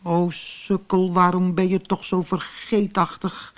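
A man voicing a jittery, forgetful little male space traveler in a storybook, with high, squeaky, panicky cries. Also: monotone, a little slow. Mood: rueful.

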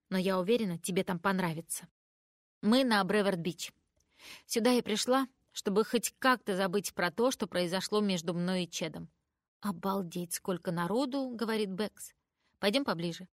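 A woman's voice: mid-range voice, no echo, clean studio sound. A woman reading a first-person teen story aloud, raising her voice for the emotional dialogue.

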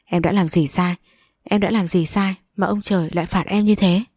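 A woman's voice: fairly low pitch, steady tone, normal speed, a little mellow, dry recording, lightly acted. A woman voicing a heartbroken young bride in a storybook reading, speaking through tears. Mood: despairing. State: crying.

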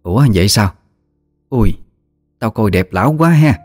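Man doing a blunt old countrywoman, low voice, faint music. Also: animated, normal speed, a little mellow. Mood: blunt, marveling. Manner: blunt, exclaiming, rustic speech. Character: fiery old great-aunt, blunt and outspoken.

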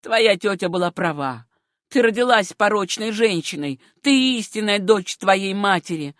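Brief: woman reading a harsh, bullying uncle, loud and contemptuous, dry close audiobook sound. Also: medium pitch, lively intonation, unhurried, dry recording. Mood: angry scolding. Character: stern angry middle-aged uncle, scornful and bullying.

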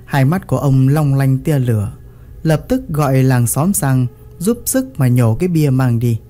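Mellow-voiced man telling a village tale. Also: medium pitch, animated, a little slow, soft background music. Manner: vivid, earthy storytelling. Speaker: storyteller. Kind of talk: storytelling narration.

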